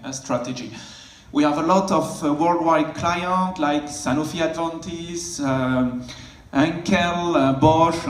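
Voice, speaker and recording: A middle-aged man with a French accent giving a conference talk, pausing often with fillers as he searches for English words. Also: a little high. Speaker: conference speaker, network architect. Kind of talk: conference presentation. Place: large conference hall. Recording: echoey conference hall.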